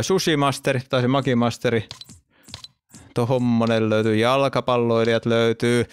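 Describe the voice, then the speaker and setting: A man's voice: medium pitch, a bit bright, clear, resonant tone. Offhand man listing his game skins. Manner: offhand, listing items with quick asides. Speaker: gamer showing his skin collection. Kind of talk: casual gaming video commentary.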